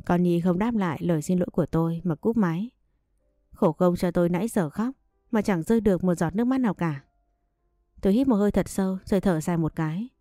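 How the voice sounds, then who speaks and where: A woman's voice: lowish voice, quick pace, dark tone, no room sound, clean studio sound, faint music behind. A woman narrating a first-person story and reading every character's lines in one voice. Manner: reads all characters in one voice.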